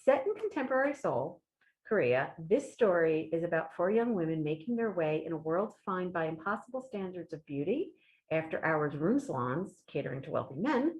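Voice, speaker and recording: A woman on library staff, reading book blurbs aloud with lively emphasis and chatting casually about new novels. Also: fairly low pitch, moderate pace, muffled recording. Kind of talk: casual book recommendation chat.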